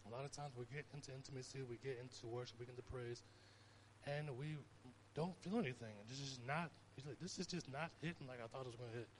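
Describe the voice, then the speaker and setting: A man's voice: medium pitch, fast, slight background noise. A young man giving an informal sermon, talking conversationally and telling stories with rising emphasis. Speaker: preacher.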